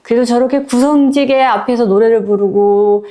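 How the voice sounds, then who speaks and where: A woman voicing a frail grandmother of ninety-four who speaks slowly and gently to her grieving daughter. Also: on the high side, close to an everyday voice. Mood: calm. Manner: slow, gentle, soothing. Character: frail 94-year-old grandmother, calm and tender at death.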